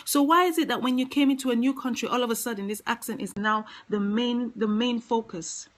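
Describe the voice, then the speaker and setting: A woman with a fairly high voice gives an earnest motivational talk. She speaks with emphasis and comes back to her main lines again and again to drive them home. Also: fairly even intonation, fairly quick, low-quality recording. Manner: earnest, emphatic, repeats key phrases.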